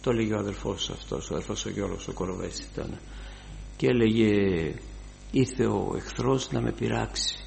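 An older man preaching a sermon, fervent, his voice rising to loud exclamations. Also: lowish voice, steady tone, creaky, slight background noise.

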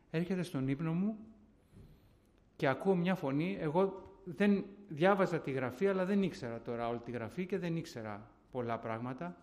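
A man with a high voice preaches a personal testimony to his congregation. His delivery is fervent and repetitive, and he keeps turning to his listeners as brothers and sisters. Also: darkish tone.

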